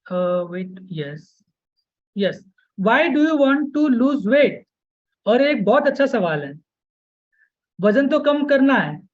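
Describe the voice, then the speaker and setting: This lo-fi clip features a man with an extremely high pitch coaching weight loss during a live webinar. His Hindi is mixed with English, and he constantly checks in with listeners using "okay?" and "yes."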